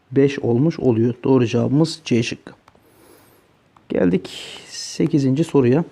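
A man's voice: mid-range voice, dark tone. A man teaching math, working through exam problems step by step and often checking in with the students. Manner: talks through each step, asking "öyle değil mi arkadaşlar". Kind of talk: solving exam questions on a board.

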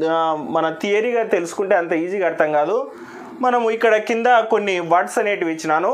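A man from Andhra Pradesh teaching an English lesson in a patient, step-by-step way, saying each example word slowly several times. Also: high-pitched. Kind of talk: recorded classroom lesson.

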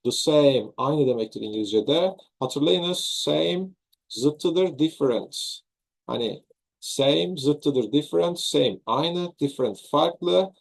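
A man's voice: a little high, expressive, slow pace, creaky. A man with a Turkish accent teaching English grammar in an online lesson, patiently repeating and rephrasing example sentences.

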